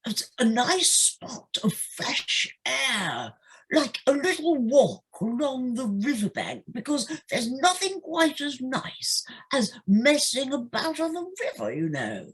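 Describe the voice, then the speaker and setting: A woman's voice: sits high, big pitch swings, takes it slowly, breathy edge, heavily acted, poor audio. A woman playing an impulsive, scheming male toad in an audio play, with a theatrical, wheedling manner. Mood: sly, wheedling. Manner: theatrical, wheedling, hesitant stammers. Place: living room, recorded over video call.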